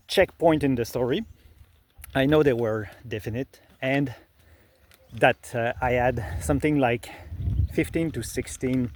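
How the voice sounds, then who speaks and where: A middle-aged native French speaker with a French accent talks in a mid-range, darkish voice, with no room sound. As a creator sharing his process, he explains it casually but hesitantly, with frequent fillers and restarts.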